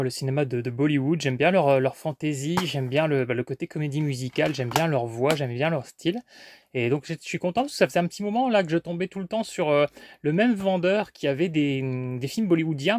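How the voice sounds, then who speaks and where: A man's voice: on the high side, a little mellow, no echo, clean studio sound. A man narrating a casual vlog about his flea-market finds, chatty and hesitant with many fillers.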